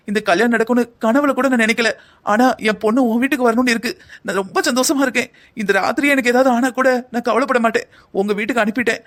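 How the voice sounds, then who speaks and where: Man playing a humble, grateful bride's father for a cartoon, high voice, rapid earnest delivery. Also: a bit bright. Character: humble anxious middle-aged father of the bride. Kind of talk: cartoon family drama voice acting.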